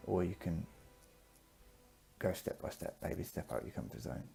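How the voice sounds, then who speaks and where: Deep, gravelly man telling his story. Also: animated, normal speed, mellow. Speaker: vlogger. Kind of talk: personal vlog monologue, reflective storytelling. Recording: music behind the voice.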